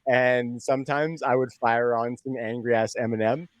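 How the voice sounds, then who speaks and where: A man's voice: medium pitch, steady tone, moderate pace, no room sound. Chatty laughing man, dry close sound. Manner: laughs often, tells stories with quoted asides. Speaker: podcast co-host. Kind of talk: casual chat.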